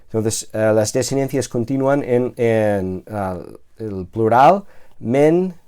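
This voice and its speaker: Male lecturer, warm dark tone, slow and hesitant, checks in with students often. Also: fairly low pitch, clean tone. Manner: slow, hesitant explaining with many fillers and restarts. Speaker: Greek teacher. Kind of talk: recorded classroom lecture.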